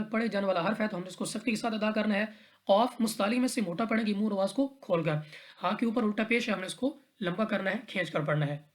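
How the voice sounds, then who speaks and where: A woman teaching tajweed, explaining recitation rules one letter at a time in a patient, repetitive way. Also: mid-range voice. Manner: patient, step-by-step, repeats rules and checks in with "theek hai".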